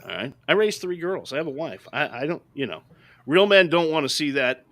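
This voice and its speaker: Bright, animated man ranting about films. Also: fairly high pitch, a little fast. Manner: emphatic, ranting, seeks agreement with "right?". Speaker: podcast co-host. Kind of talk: opinionated movie review chat.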